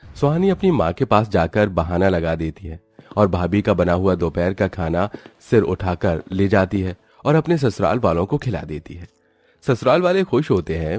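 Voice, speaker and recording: Male storyteller, very deep, dry studio read, steady narration for a cartoon. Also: no room sound.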